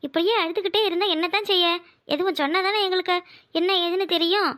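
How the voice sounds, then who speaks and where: A woman voicing a caring but bossy elder sister-in-law who scolds and fusses in a brisk way. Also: very high-pitched, steady tone, a bit bright. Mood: coaxing. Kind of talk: cartoon voice acting.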